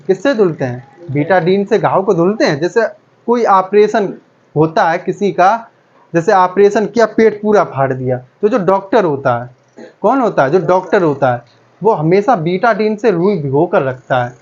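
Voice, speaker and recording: Brief: male chemistry teacher, high voice, call-and-response drilling, dull lo-fi sound. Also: lively intonation, normal speed, slight background noise. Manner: repeats each term back as a quiz question. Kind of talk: classroom lecture with call-and-response questions.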